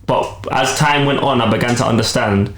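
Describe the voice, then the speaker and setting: A man's voice: mid-range voice, normal speed, a bit bright. A man, co-hosting a podcast, rambling earnestly with lots of slang. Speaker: podcast co-host. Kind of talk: casual podcast chat. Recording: roomy room sound.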